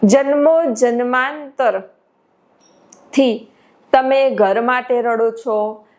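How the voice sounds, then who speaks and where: A high-voiced woman delivers a devotional sermon at a slow, unhurried pace. She speaks as a spiritual teacher, building her points by repeating phrases for emphasis.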